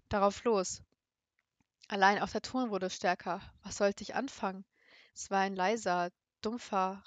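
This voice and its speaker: A woman's voice: mid-range voice, no echo. A young woman who reads a story aloud with building intensity and chats casually about it. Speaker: story reader. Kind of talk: dramatic story reading and casual chat.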